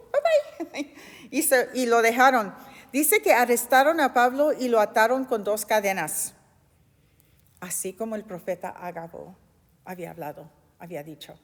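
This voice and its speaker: A woman's voice: fairly high pitch, moderate pace, long reverb tail. A woman teaching a Bible study, telling the story expressively and asking rhetorical questions.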